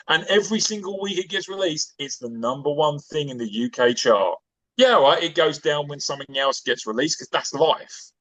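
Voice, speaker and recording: A man's voice: fairly high pitch, fairly bright tone, dry recording, poor audio. A man in his forties chatting on a podcast as a guest, rambling and enthusiastic, with plenty of fillers. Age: 40s. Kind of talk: casual chat.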